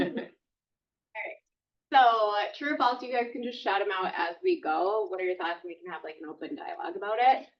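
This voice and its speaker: A woman's voice: mid-range voice, brisk, distant mic. A woman presenting to a team and running a true-or-false quiz in an upbeat, casual way. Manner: upbeat, laughing quiz host. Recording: muffled audio from off the mic.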